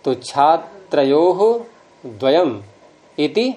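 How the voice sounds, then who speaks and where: A man's voice: a little high, sing-song, very slow, dark tone. Patient man teaching Sanskrit grammar. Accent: Hindi. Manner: patient, explanatory, repeats word forms aloud. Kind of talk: classroom grammar lesson.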